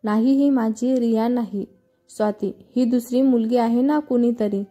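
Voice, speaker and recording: A heartbroken young man in denial, pleading and bewildered, as a woman reads his lines aloud. The voice stays soft and mellow, with little rise and fall. It is a storybook reading. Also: fairly high pitch, fairly even intonation, measured pace.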